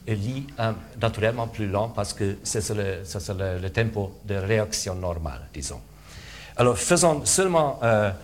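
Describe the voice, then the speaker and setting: A man coaching string players in rehearsal, halting with fillers, switching between English and French and vocalizing sounds to demonstrate. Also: on the low side, a little hiss or hum. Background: string instruments playing.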